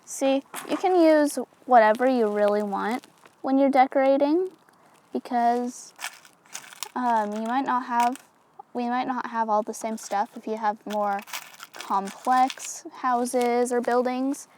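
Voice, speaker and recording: A woman hosting a relaxed craft tutorial, her voice sitting a little on the high side. She talks things through step by step in an easygoing, chatty way, with lots of "so" and "like." A faint hum of room noise sits behind her. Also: slow pace. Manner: chatty and easygoing, with many fillers like "so" and "like". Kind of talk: casual step-by-step craft demonstration.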